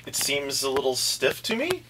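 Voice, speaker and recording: A man's voice: medium pitch, wildly swooping pitch, normal speed, noisy background. A man hosting a casual behind-the-scenes podcast chat, rambling and wry as he lays out plans for the show. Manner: rambling, wry, self-interrupting. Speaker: podcast host planning the show.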